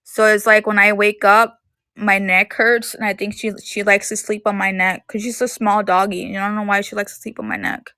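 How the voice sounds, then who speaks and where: A woman's voice: mid-range voice, little pitch movement, brisk, sharp tone, smooth, dry recording. Woman, thirties, home live-stream seller; loose rambling chat, dry close recording. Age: 30s. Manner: rambling, heavy use of "like". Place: at home in her room.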